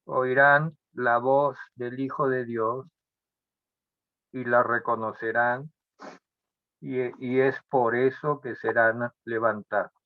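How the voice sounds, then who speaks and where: A man preaching a sermon as pastor, speaking deliberately and often repeating phrases or restarting words. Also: medium pitch, fairly even intonation, no room sound. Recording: dull lo-fi sound.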